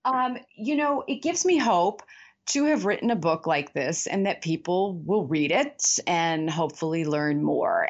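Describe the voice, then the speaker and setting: A woman author being interviewed, speaking reflectively and candidly with many fillers. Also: low voice. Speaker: author guest. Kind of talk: conversational interview. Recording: muffled, lo-fi remote audio.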